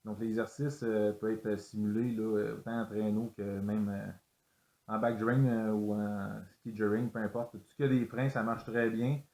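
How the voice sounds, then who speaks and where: Hesitant low-voiced man explaining dog training. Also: level tone, normal speed, a little mellow, roomy sound. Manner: hesitant, many fillers and restarts. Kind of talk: instructional explanation.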